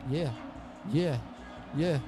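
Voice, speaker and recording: A man's voice: on the high side, extremely slow, music in the background. A man streaming a football video game, chatting upbeat to viewers as he plays. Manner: chatty, upbeat, talks to viewers while playing. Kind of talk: casual gaming livestream commentary.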